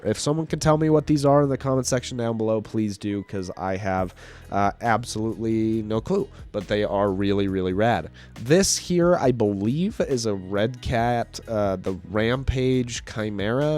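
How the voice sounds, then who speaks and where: A man's voice: fairly low pitch, darkish tone. A man hosting his own video, narrating a hobby car show in a casual, rambling voice-over while losing his voice. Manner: casual, rambling, many fillers and restarts. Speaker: host.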